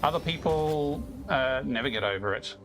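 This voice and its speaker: An Australian man chatting casually with viewers as he streams a video game, easygoing and quick to chuckle. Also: medium pitch, lively intonation, fairly bright tone. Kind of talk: casual live-stream chat while playing.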